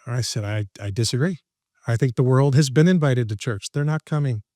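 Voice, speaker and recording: A man, a podcast guest who works as a professional speaker and trainer, telling stories in an animated, joking way with a confident, preacher-like rhythm. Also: medium pitch, fairly quick, dry recording, studio quality. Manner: lively, jokey, laughs at his own lines. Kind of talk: animated storytelling in conversation.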